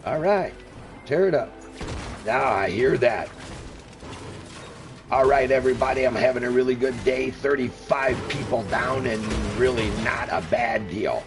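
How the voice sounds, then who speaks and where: A man's voice: mid-range voice, unhurried, music in the background. A middle-aged man streaming a game, rambling in a folksy, effusively friendly way and repeating himself. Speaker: gaming streamer. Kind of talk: casual live gameplay commentary.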